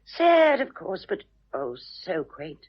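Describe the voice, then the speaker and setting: A woman's voice: fairly low pitch, wildly swooping pitch, takes it slowly, full character voice. A woman playing a flighty older English mother who chatters in a gushing way in a radio play. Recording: dull lo-fi recording.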